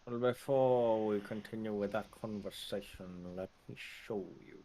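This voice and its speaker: Man playing a deadpan, slow-spoken, dignified male shopkeeper. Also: on the low side, a little hiss or hum, natural voice, poor audio. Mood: deadpan, courteous. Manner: deadpan, unsmiling, slow formal monotone. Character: deadpan, dignified, boastful male shopkeeper selling fine armor. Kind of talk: in-character tabletop role-play.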